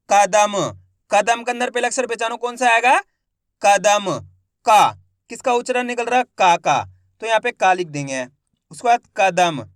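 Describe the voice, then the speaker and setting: A man's voice: high voice, fairly bright tone, no room sound, clean studio sound. A man teaching a reading lesson step by step, sounding out each word syllable by syllable, repeating it and asking his viewers quiz questions. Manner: addresses viewers as friends, asks quiz questions.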